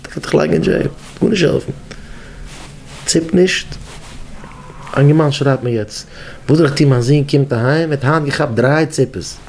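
A man teaching educators in a rabbinic lecture, telling stories in halting, repetitive speech. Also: fairly high pitch, creaky, a little mellow, slight background noise. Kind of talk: Yiddish-flavored Torah lecture.

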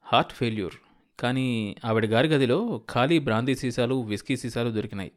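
A man's voice: mid-range voice, brisk, close to an everyday voice. A man voicing a worldly, somewhat impatient man who explains things in a matter-of-fact way. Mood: explaining.

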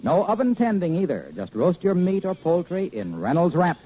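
A man announcing and reading a persuasive commercial in a brisk 1950s radio style, heard from an old broadcast transcription disc. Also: very animated, slightly rough, narrow, tinny audio. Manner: brisk, persuasive sales pitch. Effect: old broadcast disc recording.

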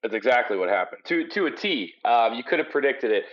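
A man hosts a post-game sports podcast in a conversational, emphatic way with folksy turns of phrase. His voice sits at a medium pitch. He is using headphones as his microphone, so the sound is dull and low-grade. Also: very animated, a little fast. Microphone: headphones used as microphone.

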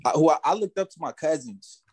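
A man's voice: a little high, lively intonation, fairly quick, a little mellow, husky. A man with an American accent chatting casually as an interviewed music artist, using street slang and repeating his phrases. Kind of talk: casual chat.

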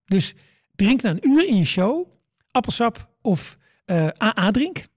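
A man's voice: high-pitched, sing-song, a little slow, no echo, studio quality. A middle-aged man, a stand-up comedian, telling stories in casual chat, stammering and restarting and acting out what he said. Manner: stammering restarts, repeats words; acts out his own quoted words.

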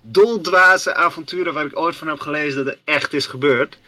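A man spins a history tale for his podcast co-host in a bright, forceful voice. He rambles through lots of fillers and keeps calling his listener by name. The sound is close and dry, with no room around it. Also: on the high side, moderate pace, no echo. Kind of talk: casual storytelling chat.

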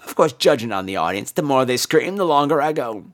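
Speaking fairly quickly and very animatedly, this American man hosts a podcast full of funny personal tales delivered in a campy, theatrical, over-the-top and bluntly profane style. His voice sits at medium pitch with a slightly bright tone.

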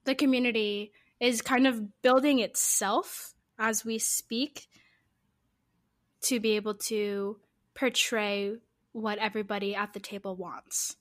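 A woman's voice: medium pitch, little pitch movement, takes it slowly. A woman co-hosting a podcast, talking in a rambling, tangential way with giggly asides. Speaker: podcast co-host. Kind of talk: casual podcast chat.

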